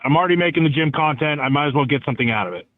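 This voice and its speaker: A man's voice: on the high side, lively intonation, rapid-fire, dry recording. A man calling in to a show, brief, agreeable and matter-of-fact in his answers. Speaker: caller. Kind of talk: phone call-in conversation. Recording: dry tinny phone line.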